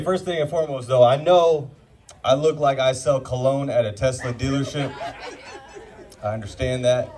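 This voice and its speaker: A young man from Orange County, California, rambles through a self-mocking stand-up set at a brew pub comedy club, full of filler words. His voice is on the high side and darkish in tone, and he sounds far from the mic.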